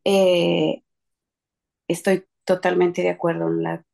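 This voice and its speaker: A woman shares a lively story with her church group. Her voice has a gravelly, fry-laden edge. She laughs, loses her thread and restarts as the tale tumbles out. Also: on the low side, slow. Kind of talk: casual storytelling testimony.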